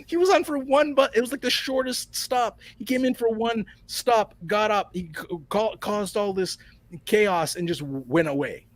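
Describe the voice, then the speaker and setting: A man's voice: high-pitched, normal speed. A man being interviewed as a comic book creator, chatting casually and telling rambling stories. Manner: rambling storyteller with restarts and laughs.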